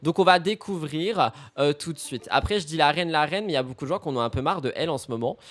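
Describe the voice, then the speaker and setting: A man's voice: fairly high pitch, quick pace, a bit bright. A man hosting a casual live stream, reacting to celebrity news with campy, teasing, theatrical outbursts.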